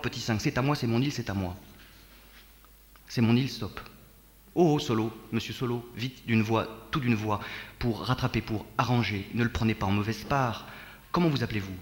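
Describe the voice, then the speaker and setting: A man performs a poetry reading in a rhythmic, hammering way, repeating words and swinging from near-murmur to sudden loud bursts. His voice sits at an ordinary pitch for a man. A long reverb trails each phrase, as in a live reading in a resonant hall. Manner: rhythmic, repetitive declamation with sudden shifts in loudness. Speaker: poet reading his own text. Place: poetry centre reading room.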